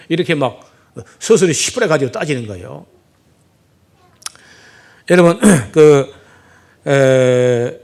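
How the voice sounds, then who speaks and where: A middle-aged man preaching a sermon, animatedly acting out the prophet's complaints with rhetorical questions. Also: on the high side. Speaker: pastor. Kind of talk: expository sermon.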